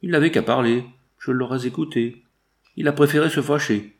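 A man's voice: medium pitch, moderate pace, natural voice. Man doing strict old-school dad, lecturing, firm, mid voice. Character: stern aristocratic father, indignant and protective. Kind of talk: audiobook character voice.

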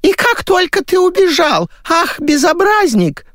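A man voicing an older woman who wants to pass for a young nymph, with a thin, singsong, drawn-out voice. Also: very high voice, big pitch swings, a bit bright, dry recording, clean studio sound, pitched above the performer's own voice, full character voice. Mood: calling out. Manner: drawn-out, plaintive.

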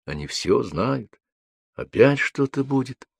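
Expressive man reading a story. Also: mid-range voice, takes it slowly, gravelly, husky, dry recording. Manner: expressive, rhythmic storytelling with repetitions. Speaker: narrator. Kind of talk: literary reading.

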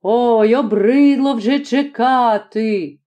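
Woman doing an impatient excitable man. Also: fairly high pitch. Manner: quick, exclaiming.

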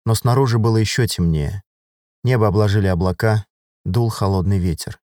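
Dry, steady male audiobook narrator. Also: fairly low pitch, a little fast, no room sound. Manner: steady, even storytelling. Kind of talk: scripted narration.

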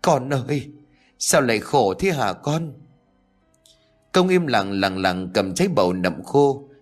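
A man reading a ghost story aloud with dramatic, expressive scripted narration. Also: lowish voice.

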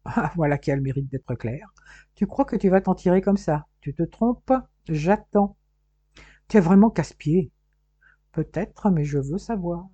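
A nosy, teasing young man, voiced by a woman reading a novel, prodding his brother with playful, pushy questions. The tone is mellow and dark. The recording is dry and muffled. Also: lowish voice, animated, measured pace, husky, dry recording.

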